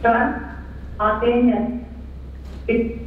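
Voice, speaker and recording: A woman's voice: fairly high pitch, level tone, extremely slow, recorded from a distance, slight background noise. A woman on a glitchy, breaking-up phone call. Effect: glitchy breaking-up phone connection. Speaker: remote presenter. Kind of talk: video call. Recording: tinny breaking-up phone line, played over speakers in an echoey room, heard from afar.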